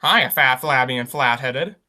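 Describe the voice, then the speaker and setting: A man's voice: medium pitch, measured pace, pushed and bright, a little hiss or hum. A man playing a teasing, boastful skinny hunting buddy in a 1940s-style radio comedy.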